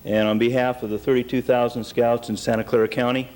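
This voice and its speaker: A man's voice: medium pitch, little pitch movement, fast, a little mellow. A man addresses an honoree at a banquet in a formal award tribute. His delivery is direct and ceremonial, spoken into a podium microphone. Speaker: Boy Scouts council executive. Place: banquet hall.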